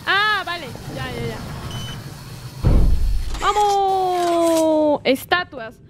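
Una mujer con acento mexicano que comenta su partida en directo, reacciona con gritos excitados y traduce lo que dicen los personajes. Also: female voice, sits high, moderate pace, very noisy. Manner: excitable, shrieking reactions, translating game lines. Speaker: streamer. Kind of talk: gameplay commentary. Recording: game music behind.

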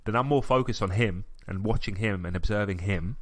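A young man with a fairly low voice talks through a personal story on a podcast. He is reflective and easygoing, with frequent fillers and restarts. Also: a little fast. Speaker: podcast co-host. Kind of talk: casual chat.

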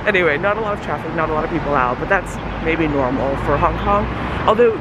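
A woman's voice: deep voice, expressive, fast talker. Chatty young woman talking through a mask. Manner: chatty, filler-heavy, upbeat tour-guide talk. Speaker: vlogger. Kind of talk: casual walking vlog chat. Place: city streets outdoors. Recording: loud outdoor street and traffic noise. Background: city traffic.

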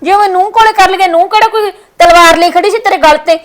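A woman playing a sharp-tongued daughter-in-law who argues and scolds her mother-in-law in a family short film. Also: very high voice, quick pace. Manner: scolding, argumentative.

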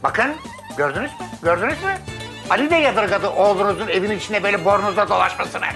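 A man's voice: high-pitched, expressive, fast talker, over music. An actor playing a mild, fussy barber father in his sixties in a sitcom. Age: 60s. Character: good-natured older male barber, fussy. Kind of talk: sitcom acting.

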